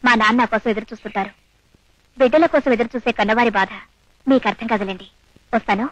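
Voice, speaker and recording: A woman's voice: on the high side, quick pace, dull audio, close to an everyday voice. An actress playing an earnest young woman who speaks in a reproachful way.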